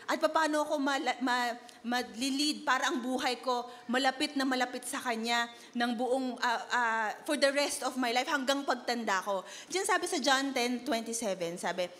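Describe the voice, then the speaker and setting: A young woman from the Philippines preaches to young people in a relaxed, conversational way. She asks one rhetorical question after another and slips between Filipino and English. Her voice sits high, and a long hall reverb trails behind it. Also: moderate pace. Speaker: youth worship speaker. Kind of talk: conversational sermon.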